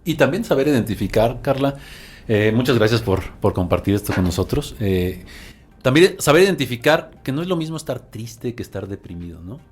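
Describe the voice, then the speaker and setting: Husky-voiced man, calm co-host. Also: mid-range voice, fairly quick. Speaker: podcast co-host. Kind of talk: explanatory podcast talk.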